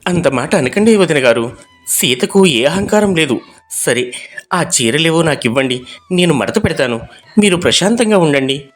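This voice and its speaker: A man voicing a gentle, humble young husband who speaks softly and politely. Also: medium pitch, expressive, moderate pace, soft background music, lightly acted. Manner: soft, pleading, polite. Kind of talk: animated storybook voice acting.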